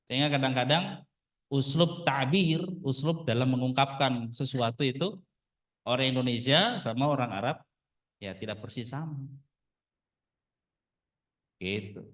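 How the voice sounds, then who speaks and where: A man's voice: medium pitch, unhurried, pauses often, a bit bright, distant mic. A man in his thirties, a religious teacher, giving a casual lesson and peppering his listeners with rhetorical questions. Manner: addresses the audience as brothers. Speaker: Arabic teacher, ustadz.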